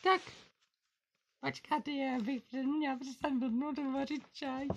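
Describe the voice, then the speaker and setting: A woman's voice: high voice, fairly even intonation. A young female performer voicing a flustered female unicorn pony in a home-made toy play, babbling to herself as she fumbles through chores. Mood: muddled. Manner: scattered, babbling, self-talking.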